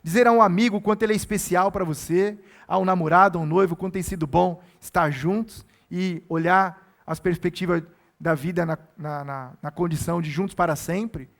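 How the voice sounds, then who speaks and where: A man's voice: sits high, steady tone, brisk, creaky, a bit bright. A male pastor preaching a sermon, earnest and exhorting, repeating his key phrases for emphasis.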